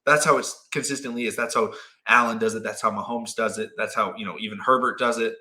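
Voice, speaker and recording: A young man hosting a sports talk show, arguing his points and acting out players in quick quoted asides. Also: lowish voice, steady tone, sharp tone. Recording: roomy echo.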